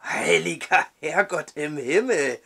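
A man voicing a gruff, groggy older male judge with a croaky voice. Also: a little high, animated, takes it slowly, pushed and bright, exaggerated voice.

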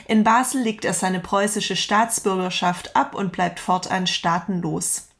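A woman giving a scripted educational narration for exam preparation, reading in a clear, measured way. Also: medium pitch, steady tone, a bit bright. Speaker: teacher narrating an exam-prep lesson.

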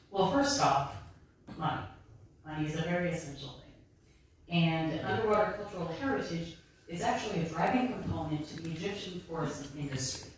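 A thirties-aged woman, a maritime archaeologist, gives a friendly, chatty public lecture with slides in a library room lined with bookshelves, speaking to the audience directly through a handheld mic. Her voice is lowish and slightly mellow, with a little hiss or hum. The room is very echoey and she sounds far away.

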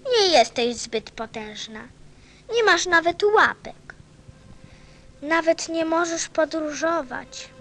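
A woman's voice: very high-pitched, lively intonation, slow pace, a bit bright, full character voice. A woman playing a lonely, curious, innocent little boy prince in a radio play. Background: faint music.

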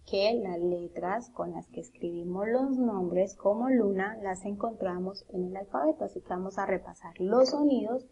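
A woman preschool teacher, giving an online lesson, slowly sounding out letters and syllables in a sing-song way for children and their mothers at home. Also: mid-range voice, warm tone, dull audio.

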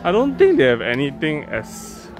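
A man with a fairly high voice whose pitch swoops wildly hosts a casual walking-tour vlog, chatting as he strolls and films on his phone. He comes across as a slow, chatty, upbeat guide moving through a large indoor and outdoor garden complex at night. The handheld phone picks him up as he walks, and background music is mixed into the recording.

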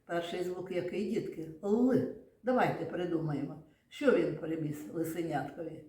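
A woman's voice: deep voice, moderate pace, darkish tone, echoey room. A woman kindergarten teacher leading young children through a lesson, patiently asking questions, praising answers and spelling out sounds and syllables.

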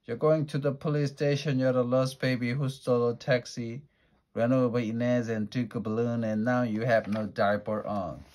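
A man's voice: mid-range voice, steady tone, normal speed, darkish tone, pitched above the performer's own voice, lightly acted. A man doing a blustering dinosaur detective. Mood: stern.

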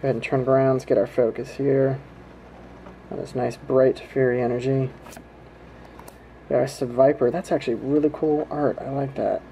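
Man, mellow tone, casual hands-on commentary, laid-back, folksy, talking to viewers, slight background noise. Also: medium pitch, flat delivery, normal speed, pauses often, low-quality recording. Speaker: host of a trading card pack-opening video. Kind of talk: casual running commentary while opening card packs. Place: indoors at home, hands at a table.

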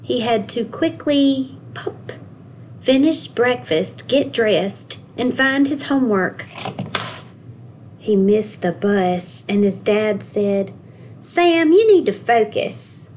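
A school guidance counselor reads a picture book aloud to young children, her mid-range voice full of expression as she stops now and then to ask them questions. There's slight background noise.

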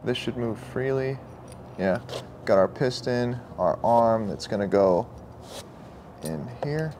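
A young man talking himself through a carburetor rebuild in a relaxed, muttering way. His voice sits at an everyday middle pitch. It is caught on a camera mic outdoors, with faint noise behind him. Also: slow. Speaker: vlogger working on a carburetor. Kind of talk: casual running commentary while working. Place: outdoor workshop table beside a truck.

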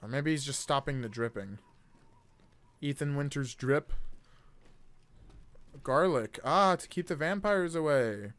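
A man's voice: medium pitch, lively intonation, a little slow, pauses often, fairly bright tone, clean tone. A man in his twenties giving jokey, nervous, casually profane commentary as he streams a scary video game, close to a desktop microphone. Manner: nervous, jokey reactions to scares. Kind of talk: live horror game commentary. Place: indoor gaming room.

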